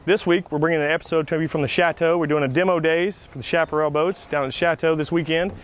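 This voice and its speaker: A man's voice: fairly high pitch, fairly even intonation, quick pace. A man hosting a boat dealer's video, giving an upbeat, salesy walkthrough of a boat. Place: outdoors at a marina on a boat.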